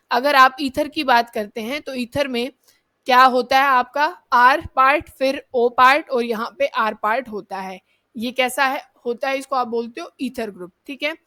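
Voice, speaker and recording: This chemistry teacher has a slightly high voice with a sharp edge. Her exam-prep lesson moves step by step; she repeatedly asks the kids questions, supplies the answers herself, and checks in with "theek hai".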